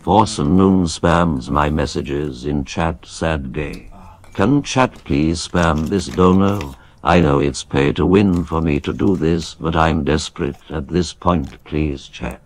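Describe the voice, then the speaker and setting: A synthetic male text-to-speech voice reading out donation messages in a stiff, flat manner. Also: very deep voice, slow pace. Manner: synthetic social media TTS voice, flat stiff delivery.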